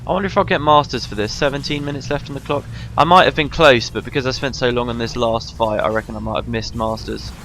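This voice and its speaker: A man's voice: medium pitch, fairly even intonation, quick pace, few pauses, fairly bright tone, a little hiss or hum. A man giving casual, informal commentary as he plays a video game, sometimes hesitant. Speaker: video game let's player.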